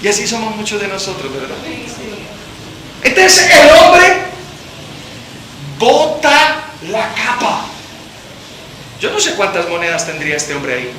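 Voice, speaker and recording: A man pastor preaching a sermon in a church hall, impassioned and alternating between loud and soft. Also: high-pitched, huge pitch swings, measured pace, long pauses, a little hiss or hum. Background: congregation answering.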